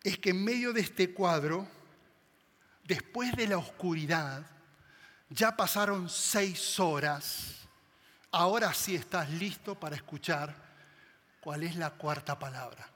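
A man preaching a sermon, swinging dramatically between loud emphasis and hushed tones. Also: high-pitched, takes it slowly, long pauses. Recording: long hall reverb.

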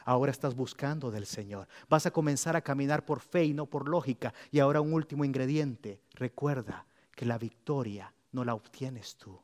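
A man preaching a sermon as pastor, lively and playful, speaking straight to his congregation while leading them on a walk. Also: mid-range voice, normal speed, hardly any pauses. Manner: lively, addresses the congregation directly, playful asides; leads the congregation walking around the room.

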